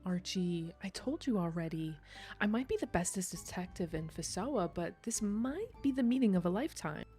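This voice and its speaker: Woman doing a bubbly, boastful detective, lowish voice, visual novel read-aloud. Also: animated, moderate pace, warm tone, soft background music, close to an everyday voice.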